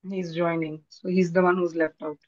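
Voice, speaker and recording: A woman trainer leading an online class, brisk and apologetic, switching between languages. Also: lowish voice, level tone, darkish tone. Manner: brisk, apologetic, mixes Bengali and English. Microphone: video call. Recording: dull lo-fi call audio.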